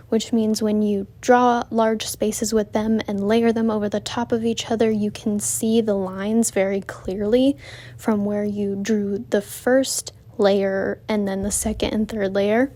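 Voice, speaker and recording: A woman's voice: a little high, dark tone. A woman narrating a casual voice-over about her drawing, out of breath because she walks while she talks, chatty and rambling with frequent self-corrections. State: out of breath from walking. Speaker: art vlogger narrating her drawing process.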